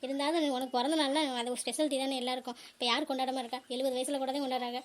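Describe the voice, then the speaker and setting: Brief: woman playing a gruff cartoon mother-in-law, high, even, fast-talking. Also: a little hiss or hum, natural voice. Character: older mother-in-law, gruff but kindly.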